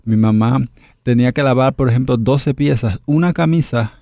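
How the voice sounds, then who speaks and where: Appearing as a radio guest, a middle-aged man from the Dominican Republic tells his memories in a reflective interview, thoughtful and hesitant with many fillers. His mid-range voice is mellow and moves at a normal speed, captured in a dry recording.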